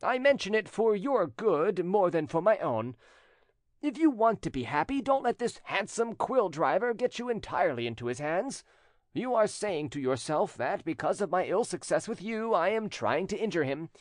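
A male narrator voices a jealous, spurned storybook cousin, pitching his voice high with big, wide swings. He sounds insistent, bitter, theatrical, pointed and scheming at a moderate pace, and the recording is very dry.

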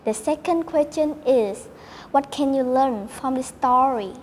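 A woman co-hosts a storytelling show in a cheerful, scripted way. Her high voice carries a long echo, with faint noise in the background. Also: a little slow. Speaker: co-host.

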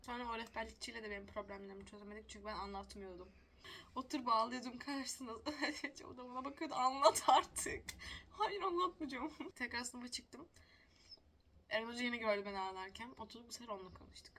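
A woman's voice: fairly high pitch, fairly even intonation, quick pace, fairly bright tone, slight background noise. Chatty young woman, self-mocking. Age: young adult. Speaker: vlogger. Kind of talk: casual storytelling to camera.

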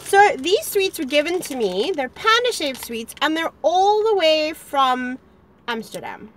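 Chatty young woman, bright-voiced. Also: high-pitched, very animated, measured pace, slight background noise. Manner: chatty and playful, peppered with "like". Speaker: co-host. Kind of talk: casual chat. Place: outdoors in a park.

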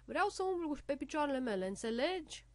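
A woman's voice: sits high, sing-song, darkish tone, no room sound, voice pushed up. A woman voicing a grumbling little boy patient. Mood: pleading. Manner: grumbling, pleading. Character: grumbling restless little boy stuck in a hospital bed.

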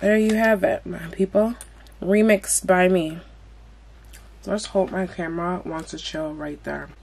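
Steady and measured, a young woman's lowish, creaky, darkish voice carries her casual chat as she eats on camera at home. It's a mukbang vlog, and she's blunt and full of slang.

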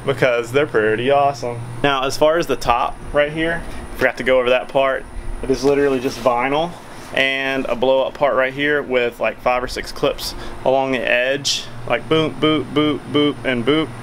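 A man's voice: mid-range voice, steady tone, moderate pace, fairly bright tone, a little hiss or hum, low-quality recording. A man, giving a chatty, folksy product review outdoors on a covered backyard patio, filming with a handheld camera at arm's length. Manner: chatty, filler-heavy, folksy. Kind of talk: casual product review vlog.

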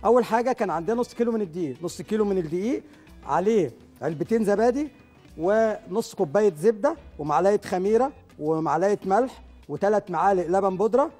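A man's voice: high-pitched, lively intonation, quick pace, darkish tone, faint music behind. A middle-aged man with an Egyptian Arabic accent, hosting a live studio cooking show, chatty as he explains recipes while he cooks. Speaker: TV cooking show chef and host. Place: large TV studio kitchen. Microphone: lapel mic.

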